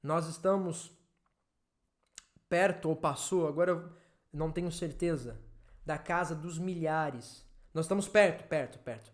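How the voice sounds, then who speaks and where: A woman pastor with a Brazilian Portuguese accent, preaching a sermon at an online church service, swinging from loud emphatic urging to low, quiet asides. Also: unhurried, pauses often.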